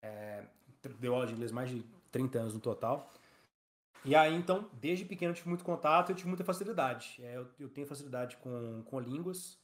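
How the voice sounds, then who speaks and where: A man, a company founder as a podcast guest, telling stories in an animated, slangy way. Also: medium pitch. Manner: fast, animated storytelling with slang. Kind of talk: casual interview chat.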